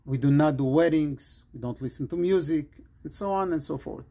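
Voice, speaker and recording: A man from Morocco, a rabbi, giving an earnest pre-Shabbat sermon in short, measured phrases. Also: on the high side, warm tone.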